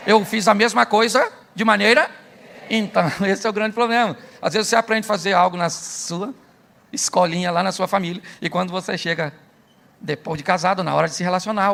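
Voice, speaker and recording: High, bright-voiced Brazilian pastor telling stories. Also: male voice, gravelly. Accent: Brazilian Portuguese. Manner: storytelling, jokes, acts out dialogue. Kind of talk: humorous sermon.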